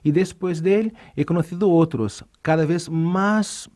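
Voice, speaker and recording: His voice is fairly high and a little mellow, and he speaks at a measured pace: a university art history professor from Rio de Janeiro, Brazil, interviewed as a guest. He speaks with a carioca accent, his first language being Portuguese, and he's thoughtful and hesitant, leaning on fillers.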